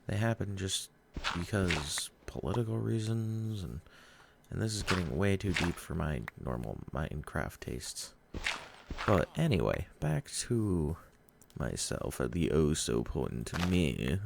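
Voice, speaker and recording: A man's voice: sits low, vocal fry. A man chatting in a rambling, hesitant way while playing a game, often stumbling over his words. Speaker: gaming vlogger. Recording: noisy home recording.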